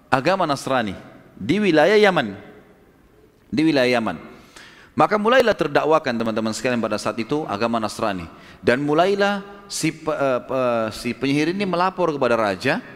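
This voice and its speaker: A man preaching a sermon, telling a story and acting out the quoted speech of its characters with lively shifts in his voice. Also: mid-range voice. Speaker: Islamic preacher. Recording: long hall reverb.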